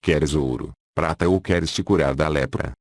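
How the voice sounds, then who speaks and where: Calm, gentle holy mother, voiced by a man with a very deep, dry narrator voice. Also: normal speed, no room sound. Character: Virgin Mary, calm gentle young mother.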